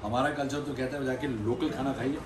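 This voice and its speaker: A man's voice: medium pitch, steady tone, fairly quick, roomy sound. A man co-hosting a travel show, teasing his friend in playful banter inside a shop. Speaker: co-host. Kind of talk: casual banter. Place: large clothing shop indoors.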